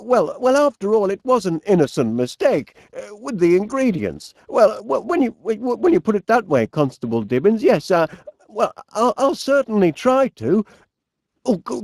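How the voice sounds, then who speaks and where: The game's genial middle-aged English inventor, Northern-accented and bumbling, is voiced in an exaggerated, slightly mellow way for animated comedy. Eager but easily flustered and hesitant, he lingers over words with swooping pitch, and the very dry studio recording has no room sound.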